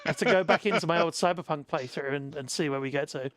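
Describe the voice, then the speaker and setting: A man's voice: fairly high pitch, fast, fairly bright tone, no echo. A man hosting a game stream, chatting casually and laughing often. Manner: giggly, chatty, bursts of laughter. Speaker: streamer host. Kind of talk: casual chat while gaming.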